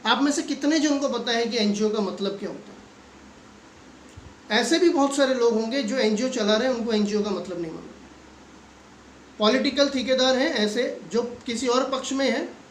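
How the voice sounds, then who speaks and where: Man, high voice, earnest exhorting appeal to viewers, rhetorical questions, echoey room. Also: moderate pace, slight background noise. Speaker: NGO activist and channel host. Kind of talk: direct-to-camera awareness appeal.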